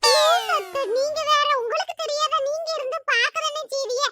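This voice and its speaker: A voice actor playing a sulky, dramatic young village wife in a cartoon, with a squeaky sped-up voice. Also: a little fast, bright, forceful tone, faint music behind. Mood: complaining. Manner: whiny, complaining. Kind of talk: cartoon voice acting.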